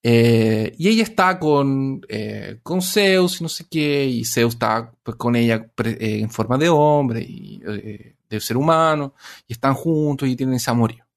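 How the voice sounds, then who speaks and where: A man's voice: medium pitch, expressive, measured pace, vocal fry. A man casually retelling a myth in conversation, rambling and self-correcting as he goes. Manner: rambling with many fillers and restarts, self-correcting.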